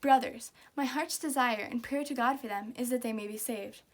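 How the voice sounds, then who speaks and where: A woman's voice: on the high side, moderate pace. A woman reciting scripture from memory, delivering it by rote.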